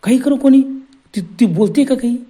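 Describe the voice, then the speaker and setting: A man voicing a calm, watchful man on a night train, speaking low and urging restraint in a horror story. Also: normal speed. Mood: hushed, cautious.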